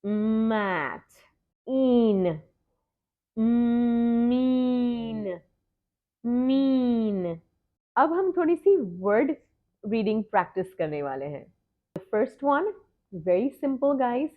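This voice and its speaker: A woman tutor leads a phonics lesson, pronouncing each sound and word slowly and then again. Her voice sits a little high and comes through a thin, phone-like line. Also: big pitch swings. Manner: slow, drawn-out modelling of sounds and words, repeated twice. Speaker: reading tutor. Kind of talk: phonics lesson mixing Hindi and English.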